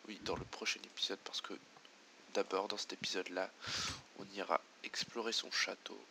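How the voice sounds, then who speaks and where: A man gives let's play commentary, muttering and reading game menus aloud as he goes. His voice is on the low side and stays flat in pitch. The tone is bright and edgy. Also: normal speed, creaky, a little hiss or hum. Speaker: gamer.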